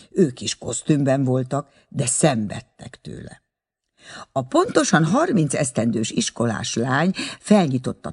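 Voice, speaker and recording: A man narrating a story in an expressive reading voice. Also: medium pitch, creaky, breathy edge. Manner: expressive, wide-ranging reading. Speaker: audiobook narrator. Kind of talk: read-aloud storytelling.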